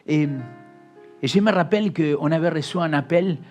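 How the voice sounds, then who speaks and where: A man from Argentina with an Argentine Spanish accent, preaching a sermon as a pastor and telling his story with dramatic swings from loud emphasis to hushed confession. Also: fairly high pitch, normal speed, faint music behind.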